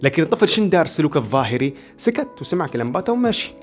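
A man with a Libyan Arabic accent, hosting a self-development podcast and explaining ideas in rapid, repetitive lists. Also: fairly high pitch, big pitch swings, faint music behind. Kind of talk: motivational talk.

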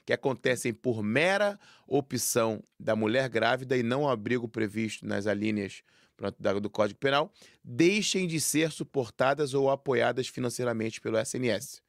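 Brazilian-accented male co-host, mid pitch, reads out points haltingly, close dry mic. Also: vocal fry, no room sound. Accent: Brazilian Portuguese. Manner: reads items aloud, hesitant, many fillers. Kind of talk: casual live discussion.

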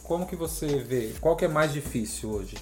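A man's voice: fairly high pitch, expressive, moderate pace, a little mellow, soft background music. A man with a Brazilian Portuguese accent hosting a casual interview podcast, asking direct questions and often adding tag questions. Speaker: podcast host.

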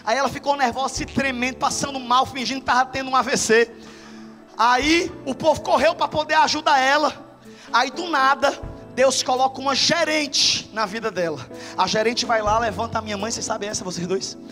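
Brief: an animated male preacher from Brazil, storytelling in a long-reverb church hall. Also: very high-pitched, a little fast, faint music behind. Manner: lively storytelling with shouted climaxes. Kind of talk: sermon.

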